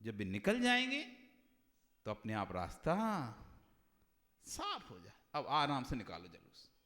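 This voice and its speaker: A male monk giving a devotional sermon on meditation, dropping to hushed asides and then rising to loud, repeated exhortations. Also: wildly swooping pitch, a little slow. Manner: swings between hushed low asides and loud high exhortation, repeats phrases. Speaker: Jain monk preacher. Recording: reverberant hall sound.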